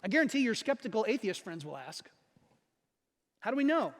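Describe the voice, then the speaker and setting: A man in his forties preaches a sermon to his congregation in a casual, joking way, acting out the people in his stories. His voice sits very high for a man. It rings out with a long echo through a church hall. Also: very animated, fairly quick. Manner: conversational, jokey, acts out voices of characters. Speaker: pastor. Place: church sanctuary.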